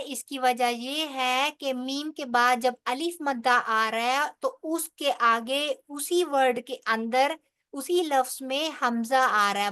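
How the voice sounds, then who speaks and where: A woman gives a tajweed lesson on the rules of Quranic recitation in a bright, high, smooth voice. At an unhurried pace she explains each point step by step, then recites the words slowly, checking in with listeners often by saying "theek hai."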